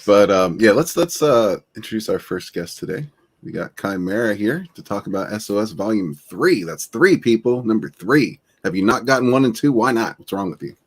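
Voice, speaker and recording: A man's voice: lowish voice, expressive, moderate pace, husky. A man hosting a casual podcast chat, upbeat and joking, laughing often. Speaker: podcast host.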